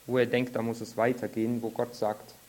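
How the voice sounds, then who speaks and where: Preacher guy giving a sermon in church, earnest, slows right down for the bible bits. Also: medium pitch, flat delivery, a little mellow. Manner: earnest, slows and lifts his voice for scripture. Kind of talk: sermon with prayer reading.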